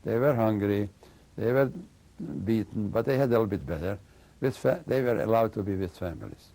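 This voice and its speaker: Older man, gravelly and halting. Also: on the low side, warm tone. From Slovakia and Hungary. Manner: halting, searching for words, frequent "you know". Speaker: interviewee recounting memories. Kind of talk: oral history testimony.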